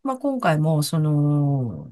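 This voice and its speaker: A woman, a guest in a casual chat, telling stories in an animated way and laughing often. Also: low-pitched, slow pace.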